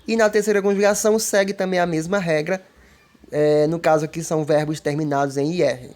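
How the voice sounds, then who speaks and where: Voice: medium pitch, fairly even intonation, fairly quick, darkish tone. A teacher giving a recorded grammar lesson, explaining patiently and repeating checks for understanding. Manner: patient, repetitive explaining with frequent "né?" and "ó".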